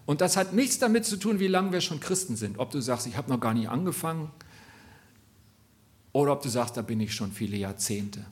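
A man's voice: mid-range voice, expressive, a little fast. Earnest German-speaking preacher, man. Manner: earnest, appealing directly to listeners with questions. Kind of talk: sermon.

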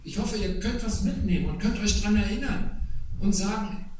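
A man's voice: high voice, moderate pace, darkish tone. A man preaching a sermon in a conversational way, with asides to the congregation. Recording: very echoey hall, voice from a distance.

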